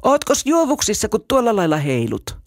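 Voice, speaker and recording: A storyteller voicing a bullying schoolboy who mocks, then shouts in panic. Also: medium pitch, sing-song, no room sound, studio quality, voice pushed up, natural voice. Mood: taunting. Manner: taunting, raised voice.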